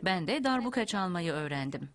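A woman's voice: lowish voice, very animated, fairly quick, fairly bright tone. A woman reading a scripted translation as a television voice-over.

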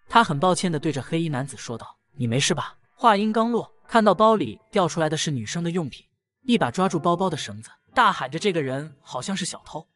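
A man narrating a comic recap in a brisk storytelling manner. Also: on the high side.

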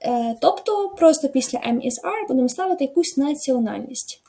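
High-voiced, mellow woman teacher. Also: expressive, a little fast, creaky. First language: Ukrainian. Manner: patient, explains step by step with many fillers. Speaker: English teacher. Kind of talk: online language lesson.

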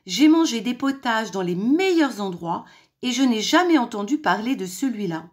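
A woman voicing a wicked, boastful and gullible male wolf in a children's storybook reading, with loud, exclaiming lines and drawn-out complaints. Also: a little high, lively intonation, natural voice.

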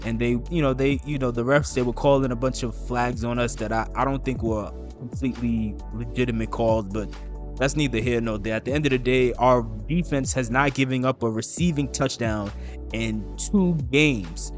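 Man of middle pitch as a fan-channel host, chatty postgame breakdown over faint background music. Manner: fast, chatty, fillers and restarts. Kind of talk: casual postgame commentary.

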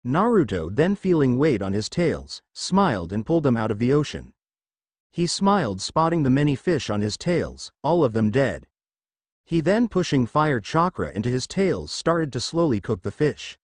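A man narrating fan fiction in a lively storytelling read. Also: mid-range voice, normal speed, no echo.

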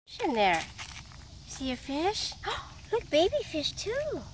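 Excited high-voiced mom filming outdoors. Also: female voice, slow pace, a little hiss or hum. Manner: excited, encouraging, cheering the children on. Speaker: mother filming her kids. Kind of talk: family outing home video. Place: rocky lakeshore outdoors. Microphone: handheld camera.

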